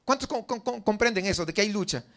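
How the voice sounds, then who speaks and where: A man's voice: sits high, fast, fairly bright tone. A male pastor with a Mexican Spanish accent preaching a sermon in church, asking the congregation question after question and acting out their doubts. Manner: asks the congregation many rhetorical questions; acts out the doubts of the faithful in a raised voice.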